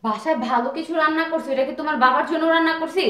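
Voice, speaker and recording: A woman's voice: high-pitched, rapid-fire, a bit bright, reverberant. An actress playing a snobbish daughter-in-law who defends herself haughtily and is ashamed of her father-in-law. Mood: defensive haughty. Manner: defensive, haughty, snapping back.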